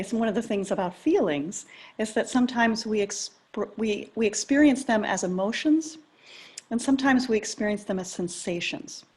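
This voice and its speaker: A middle-aged woman leading a guided meditation, talking in a calm, gentle, measured way. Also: mid-range voice, breathy edge. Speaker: meditation leader.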